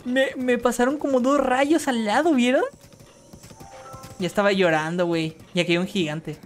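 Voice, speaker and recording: A woman with a Mexican accent streaming gameplay, talking in slangy, profane chatter and bursting into panicked yelling. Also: fairly high pitch, normal speed, faint music behind. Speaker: gaming streamer. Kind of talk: live gameplay commentary.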